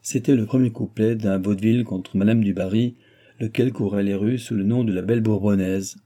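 A male audiobook narrator with a low, husky voice and a very dark, mellow tone. He reads a classic novel in a measured, literary way, unhurried and even.

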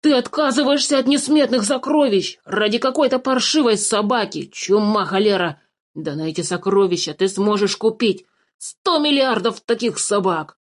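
A woman voicing a greedy, fussy old male dwarf in a storybook reading, excitable and quick to curse. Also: mid-range voice, lightly acted. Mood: excited grumbling. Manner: fussy, excitable, keeps cursing.

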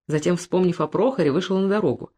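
A woman reading classic literary prose as an audiobook, in a measured narration. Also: fairly low pitch, dark tone. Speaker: audiobook reader.

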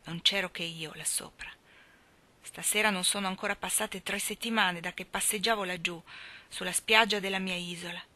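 A woman voicing a burly young sailor for a storybook reading, eager and earnest, bright and forceful. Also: lowish voice, fairly even intonation, moderate pace. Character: young, big, strong sailor, boastful then earnest.

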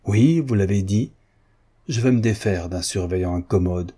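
An impetuous, vain chevalier, read by a man in a low, dark and husky voice. He speaks with assured impatience, a proud nobleman in an old-style storybook reading. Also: moderate pace. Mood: impatient.

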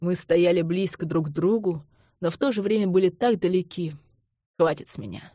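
A woman narrating an audiobook in a steady first-person storytelling voice. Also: on the low side, moderate pace, no echo, studio quality.

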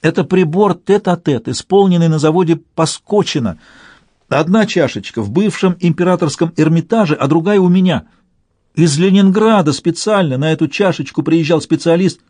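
Man voicing fussy museum keeper, fretful, high exclamations, husky, lively pitch, storybook reading. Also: no room sound. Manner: fretful, pleading, quick exclamations.

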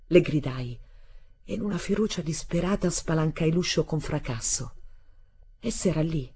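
A woman reading a literary novel aloud in a measured, dramatic narration with a husky voice. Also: low-pitched, warm tone. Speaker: audiobook reader.

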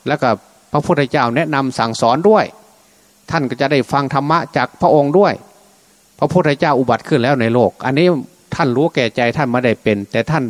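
Male Buddhist monk, medium pitch, informal Dhamma storyteller who slips into dialogue in his own voice. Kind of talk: storytelling sermon, unscripted.

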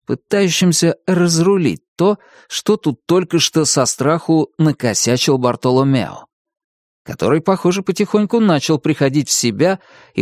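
A narrator giving a playful, expressive reading of a children's storybook in a scripted narration style. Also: medium pitch, no room sound, studio quality. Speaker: audiobook narrator.

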